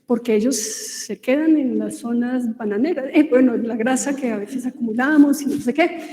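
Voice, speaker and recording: A woman with a Colombian Spanish accent explains her subject in a loose, conversational lecture, often pausing on fillers and restarting phrases. Her voice sits high yet sounds mellow and soft-edged. The recording has an echoey room with a long reverb tail. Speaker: lecturer on cosmetic ingredients. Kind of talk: informal lecture.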